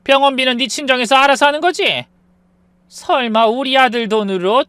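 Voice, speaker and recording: A woman's voice: high voice, normal speed, a bit bright, smooth, dry recording, studio quality, voice pushed up. A woman voicing a domineering older mother-in-law who talks with scorn and scolds. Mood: scornful. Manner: scolding, contemptuous.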